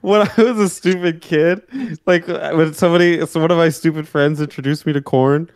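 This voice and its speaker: A man co-hosting a casual gaming podcast, relaxed and explaining things while laughing along. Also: a little high, normal speed, clean tone, no echo, studio quality. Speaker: podcast co-host. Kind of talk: casual chat.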